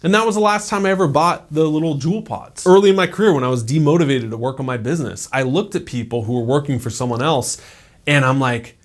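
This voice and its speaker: A man's voice: a little high, quick pace. Casual motivational man in his thirties. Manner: casual, conversational, peppered with "like" and "right?". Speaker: self-improvement YouTuber. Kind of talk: motivational talk to camera.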